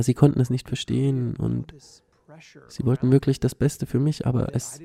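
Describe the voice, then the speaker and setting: A man's voice: mid-range voice, creaky, mellow. A man telling his own story earnestly as personal testimony, often dropping in a filler "ja". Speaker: cancer survivor sharing his story.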